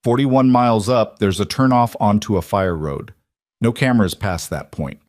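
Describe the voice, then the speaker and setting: A man's voice: lowish voice, normal speed, a little mellow, no room sound, clean studio sound, lightly acted. A man voicing a biker scout who gives a clipped, businesslike report. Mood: tense.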